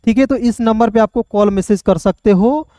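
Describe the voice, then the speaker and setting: Guy teaching english online, dark mellow voice, slow sound-by-sound drills, keeps asking if it's clear. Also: sits high, no echo, clean studio sound. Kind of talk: online lesson.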